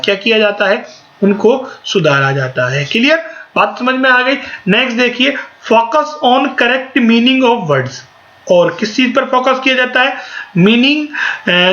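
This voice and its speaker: A man's voice: extremely high pitch, pushed and bright. A man teaching an exam-prep lesson, explaining point by point and answering his own rhetorical questions. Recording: dull, echoey room.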